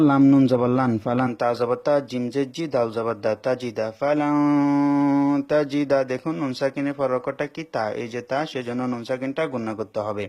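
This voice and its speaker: A man teaching Quran reading. He spells out letters step by step, repeats himself patiently and answers his own questions. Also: medium pitch. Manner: stretches words into slow sung recitation. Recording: dull lo-fi recording.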